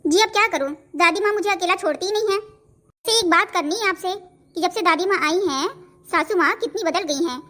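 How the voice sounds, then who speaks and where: A woman's voice: extremely high pitch, fairly quick, pushed and bright. A woman voicing a polite young newlywed daughter-in-law in a cartoon. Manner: polite, eager. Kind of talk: cartoon voice acting.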